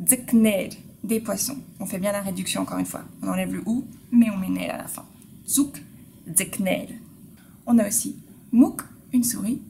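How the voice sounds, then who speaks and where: A woman's voice: medium pitch, moderate pace, vocal fry, mellow, slight background noise. A woman teaching a casual video language lesson, patiently repeating example words and talking straight to her viewers. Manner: friendly direct address to viewers.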